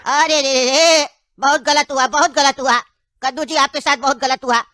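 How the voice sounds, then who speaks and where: Nosy loud neighbor uncle, high and bright, gossipy cartoon guy, woman doing him. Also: normal speed. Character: nosy middle-aged male neighbor, loud. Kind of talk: cartoon comedy voice acting.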